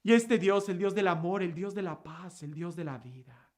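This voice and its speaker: A woman's voice: fairly low pitch, normal speed. Woman preaching with rhetorical questions. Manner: rhetorical questions, repetitive phrasing, swings between emphatic and hushed. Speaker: preacher giving a gospel reflection. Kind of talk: sermon.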